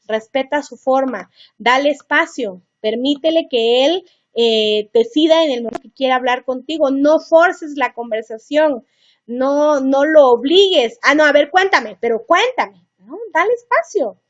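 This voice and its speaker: A middle-aged woman with a high voice teaches parents in a seminar. She talks in a chatty, earnest way, addressing the listener directly, and the recording sounds dull and lo-fi. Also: measured pace.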